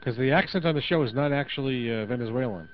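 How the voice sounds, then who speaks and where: A man's voice: medium pitch, quick pace. A man hosting a casual radio interview, friendly and joking, asking short questions. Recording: dull lo-fi radio audio with faint hiss.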